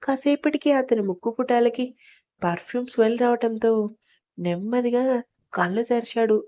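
Calm, warm-voiced woman storyteller. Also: fairly high pitch, moderate pace. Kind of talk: scripted story narration.

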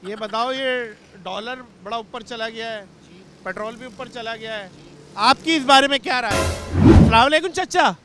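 Mocking prank reporter man, high voice. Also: normal speed, loud music behind the voice. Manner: rude, mocking, picks fights with passersby. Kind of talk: mock street interview prank. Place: busy city street outdoors. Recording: street traffic noise.

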